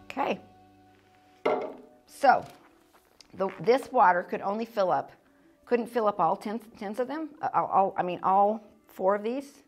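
Middle-aged American woman, children's ministry teacher; husky, informal, chatty classroom delivery, soft music behind. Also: medium pitch, animated, unhurried, pauses often. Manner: chatty, informal, laughs easily. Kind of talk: casual teaching demonstration. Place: church classroom, indoors. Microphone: fixed camera, mid distance.

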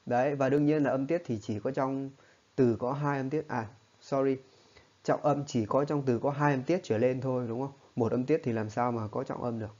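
A man's voice: mid-range voice, steady tone, moderate pace, darkish tone, dull audio. A man teaching a spoken lesson, explaining patiently and often checking in with his listeners. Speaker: English teacher.

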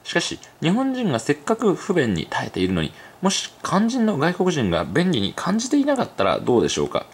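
A man's voice: a little high, huge pitch swings, slightly rough. A man reading an online article aloud to his channel and breaking off to comment, musing with many fillers when he goes off script. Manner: reads at a brisk clip, then muses aloud with many fillers. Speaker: YouTube commentator.

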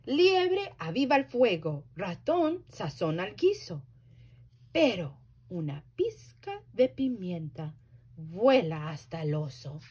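A woman working as a library storyteller, reading a children's story aloud slowly and very expressively. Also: fairly low pitch, sing-song, a little mellow, husky.

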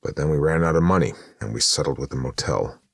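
Man voicing an older widower, reserved, very deep, husky, audiobook role. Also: fast talker, dry recording, clean studio sound, heavily acted. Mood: subdued. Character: quiet older widower, motel owner. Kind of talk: audiobook narration.

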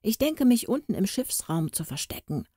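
A woman voicing an old male boatswain, loyal and secretive, speaking in a hurried, lively way in a storybook reading. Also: medium pitch, slightly rough, dry recording, studio quality, pitched above the performer's own voice. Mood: urgent.

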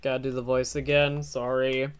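A man's voice: medium pitch, flat delivery, moderate pace, clear, resonant tone. A young man hosting a livestream, chatting casually and joking around. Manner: joking, rambling, self-deprecating. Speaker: channel host streaming.

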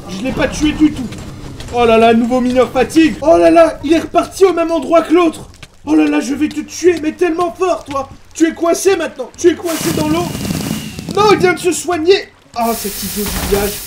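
A man giving excitable let's play commentary, full of exclamations and mild swearing. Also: very high-pitched. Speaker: gaming YouTuber.

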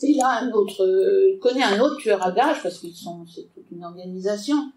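A woman giving an animated book talk to an audience, with hesitations as she summarizes the plot. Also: mid-range voice, moderate pace. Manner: animated, digressive, with frequent hesitations. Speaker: literature lecturer. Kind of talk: book talk with read-aloud excerpts. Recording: echoey room, mic far off.

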